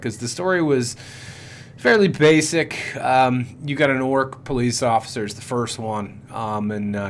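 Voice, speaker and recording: A man's voice: mid-range voice, slight background noise. A man co-hosting a podcast, recapping a movie in a rambling, profane, casual way with lots of fillers. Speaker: podcast co-host. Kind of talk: casual movie review chat.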